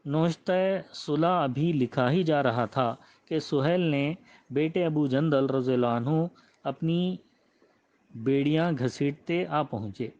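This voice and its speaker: A man reading a religious biography aloud in a measured, reverent way and ending with a prayer. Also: a little high, a little mellow. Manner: measured and reverent, with frequent honorifics. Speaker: religious history reader. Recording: slightly muffled, dull audio.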